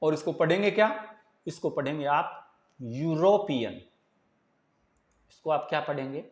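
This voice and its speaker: A male teacher with a Hindi accent walks through grammar slowly and deliberately. He keeps asking the viewer questions and repeating them. His voice has a roomy echo. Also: a little high, lively intonation. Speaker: English teacher. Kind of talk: classroom grammar lesson.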